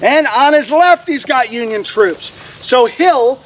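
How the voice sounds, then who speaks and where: A man's voice: extremely high pitch, animated, slow, slight background noise, poor audio. A man giving a history talk outdoors, telling the story dramatically and walking listeners through a map handout. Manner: dramatic storyteller, drops to a hushed voice at solemn moments. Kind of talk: storytelling lecture. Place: outdoors on a hillside.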